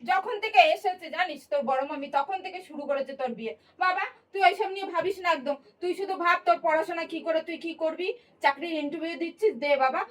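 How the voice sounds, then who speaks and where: A woman's voice: extremely high pitch, far from the mic. An actress playing a protective mother in a family drama, soothing and defensive in turn. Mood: reassuring. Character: protective mother of grown son.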